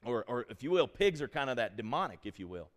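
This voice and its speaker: A man's voice: mid-range voice, sing-song, quick pace, long reverb tail. A man, a pastor, preaching a sermon in a church sanctuary, quizzing his congregation as he goes.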